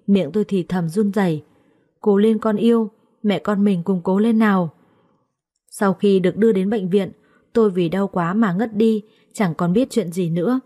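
A woman narrating a first-person story in a steady, emotional way. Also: medium pitch.

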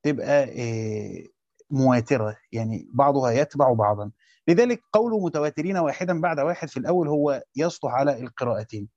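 A man with an Egyptian Arabic accent teaching a classroom lesson, quizzing his students and repeating his points slowly. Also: mid-range voice, animated, a little mellow, no room sound, lo-fi sound. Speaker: teacher of Quran commentary.

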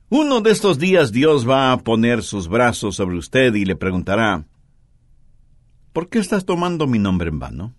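A man's voice: medium pitch, no room sound, studio quality. A man preaching an earnest sermon, telling stories and making points with strong emphasis.

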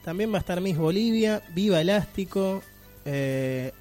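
A man with an Argentine accent co-hosting a community radio show, reading out event news in an animated, casual way. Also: sits high, moderate pace, faint music behind. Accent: Argentine Spanish. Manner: animated, lists news items with rising emphasis. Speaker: radio co-host.

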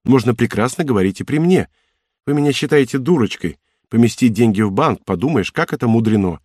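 A man's voice: mid-range voice, lively intonation, a little fast, darkish tone, no echo, studio quality, lightly acted. A man reading an audiobook, voicing Cosette, a playful young wife who pouts, teases and pleads in a capricious way. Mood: teasing indignant. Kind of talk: audiobook character voice.

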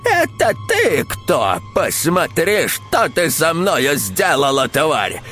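A man's voice: a little high, wildly swooping pitch, slow, sharp tone, soft background music, voice pushed up, exaggerated voice. A man voicing a withered, furious old witch woman who hisses and screams curses in an audiobook.

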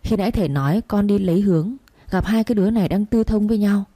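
A woman's voice: medium pitch, fast talker, mellow, dry recording, natural voice. A woman voicing an enraged old husband and head of the house who barks stern orders. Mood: deferential.

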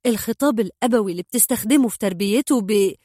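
A woman's voice: on the high side, fast, dark tone, no room sound, studio quality, lightly acted. A woman voicing an anxious young wife and mother with an Egyptian accent, pleading and indignant by turns. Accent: Egyptian Arabic. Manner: pleading, then scolding and indignant.

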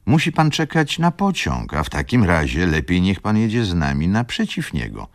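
A man's voice: deep voice, huge pitch swings, moderate pace, no echo, voice pushed up, exaggerated voice. A man reading a novel aloud and voicing a young aristocratic lady in a raised, thin voice. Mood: pleading.

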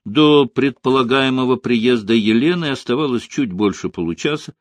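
Guy narrating an audiobook, expressive, dry close mic, no room sound. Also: mid-range voice, no room sound. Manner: measured and expressive. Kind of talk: scripted narration of a historical novel.

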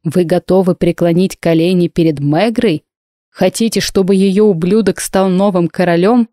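A woman's voice: lowish voice, fairly even intonation, moderate pace, mellow, no echo, studio quality, lightly acted. A woman reading the lines of a fierce male warrior who harshly accuses a witch, in an audiobook. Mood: accusing.

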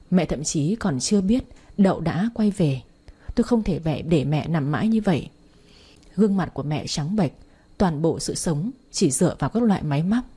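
A woman reading a first-person story aloud, with a steady, emotional delivery and dramatic pauses. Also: lowish voice, husky.

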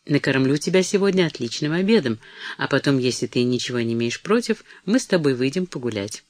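A man voicing a timid, poor middle-aged mother who speaks softly and falters as she pleads. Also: medium pitch, animated, a little fast, no room sound, lightly acted. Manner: soft, faltering and imploring.

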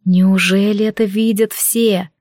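A woman voicing a calm, dignified young maid who speaks quietly and with restraint. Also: mid-range voice, measured pace, no echo, studio quality, close to an everyday voice. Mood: restrained. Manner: quiet, restrained, soft-spoken.

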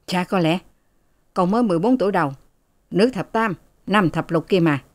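A woman's voice: lowish voice, a little fast, darkish tone, lightly acted. A woman voicing a bossy, harsh rich mistress who scolds her servants in a haughty manner, in a storybook reading. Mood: scolding.

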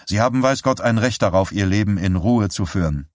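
A man voicing an older male doctor who talks in an earnest, halting, apologetic way. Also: on the low side, dry recording, clean studio sound, lightly acted. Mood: earnest, troubled.

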